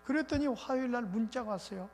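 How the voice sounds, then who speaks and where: A male pastor preaching a revival sermon in an animated, colloquial storytelling way. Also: extremely high pitch, quick pace. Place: church sanctuary. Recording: reverberant church hall with faint noise.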